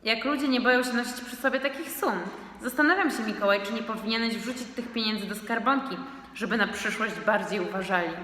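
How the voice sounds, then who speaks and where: A woman's voice: a little high, brisk, pushed and bright. A woman voicing a weary middle-aged father who sighs and grumbles in exasperation. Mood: exasperated. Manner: sighing, exasperated. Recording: echoey room, long reverb, faint noise.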